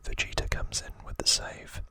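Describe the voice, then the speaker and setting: Whispering softly and breathily, a man hosting ASMR shares trivia, taking his time with the pauses between lines.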